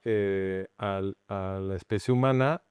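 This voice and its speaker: A middle-aged Mexican anthropologist, appearing as an interview guest, speaks with a Mexican Spanish accent in a low, slightly mellow, clear and resonant voice. He explains patiently and in a measured way, often restarting phrases as he thinks. The recording is dry.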